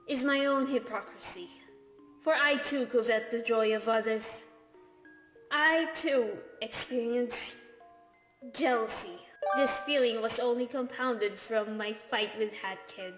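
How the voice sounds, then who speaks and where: A woman's voice: on the high side, a bit bright. Woman voicing an echoing alien hive-mind chorus. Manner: solemn, formal, slow. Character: lonely alien hive-mind remnant, grave and proud.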